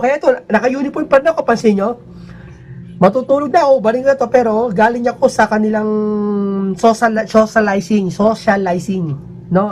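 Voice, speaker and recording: A man talking casually to his viewers in a rambling, emphatic way, his pitch swinging up and down. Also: darkish tone, slight background noise. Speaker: vlogger.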